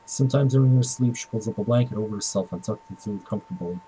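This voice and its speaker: A man narrating in first person as a tired young man, quiet, reflective and measured. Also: on the low side, slight background noise, lightly acted, low-quality recording.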